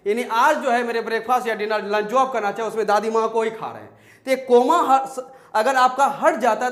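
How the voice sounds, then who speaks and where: A man teaching English grammar at a whiteboard, speaking, often asking his students questions and repeating example sentences slowly. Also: high voice, fairly bright tone. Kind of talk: classroom lecture at a whiteboard. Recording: echoey room.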